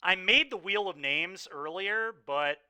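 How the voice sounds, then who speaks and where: Frustrated young man streaming, bright and slow. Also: high-pitched, smooth. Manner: frustrated venting, sighing. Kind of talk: live-streamed card game commentary.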